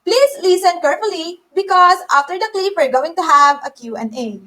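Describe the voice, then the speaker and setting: A woman's voice: extremely high pitch, expressive, brisk, pushed and bright. A woman student teacher presenting a poem and its poet to a class in a recorded teaching demonstration, upbeat and speaking straight to her listeners. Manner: upbeat, addresses the class directly.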